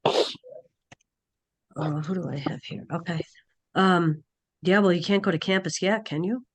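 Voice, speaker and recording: A woman instructor with a raspy, hoarse voice from a cold, leading an online class in a halting way, thinking aloud over a video call. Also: lowish voice.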